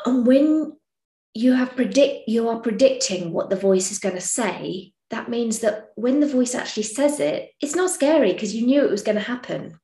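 A woman's voice: fairly high pitch, lively intonation, normal speed, mellow. A woman hosting a podcast, giving casual, encouraging advice in a frank, chatty way that includes casual swearing. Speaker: podcast host. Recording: echoey room.

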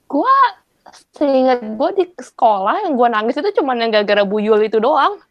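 A young adult woman co-hosting a podcast, explaining things and wrapping up the episode in a relaxed way. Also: fairly high pitch, moderate pace, no echo, highs cut off. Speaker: podcast co-host. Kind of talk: casual chat.

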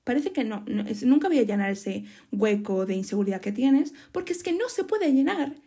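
Husky-voiced young Spanish woman chatting. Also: a little high, lively intonation, normal speed, dark tone. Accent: Spain. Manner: frank and chatty, restarts and corrects herself, swears casually. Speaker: podcast host. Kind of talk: casual podcast monologue.

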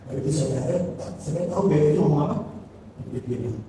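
A man's voice: fairly high pitch, lively intonation, rapid-fire, background noise. A man preaching a sermon, telling a humorous story and acting out its characters' lines. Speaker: pastor. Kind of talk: sermon with a told joke. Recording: echoey hall from far off.

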